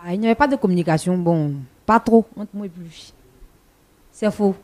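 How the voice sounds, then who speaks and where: An actress playing a wife who speaks forcefully and resentfully about her husband's broken promise. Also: medium pitch, lightly acted. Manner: forceful, resentful, quick retorts. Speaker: talk-show guest.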